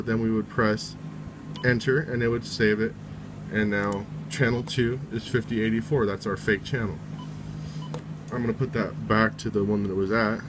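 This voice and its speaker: A man with a voice on the low side presents an informal, step-by-step tutorial, often going back over each step. Background noise is audible.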